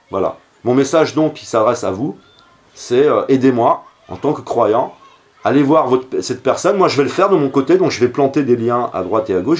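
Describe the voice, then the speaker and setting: A man talking straight to his viewers in an earnest, pleading monologue, hesitating often with fillers and restarts. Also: on the low side. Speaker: video channel host. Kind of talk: direct-to-camera monologue.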